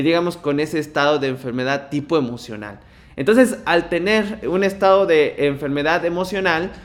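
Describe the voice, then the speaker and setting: A man, explaining at length on a talk show in a rambling way with many hedges. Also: fairly high pitch.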